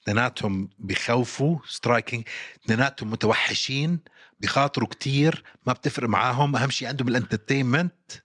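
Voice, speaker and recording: Husky fast-talking man. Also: medium pitch, fairly bright tone, no room sound, clean studio sound. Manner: emphatic, repeats his points. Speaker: podcast co-host. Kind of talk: casual sports chat.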